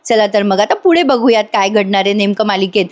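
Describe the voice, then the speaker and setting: A woman's voice: medium pitch, a little fast. A woman doing a voice-over recap of a TV serial episode, chatting directly with her viewers. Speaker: TV serial reviewer.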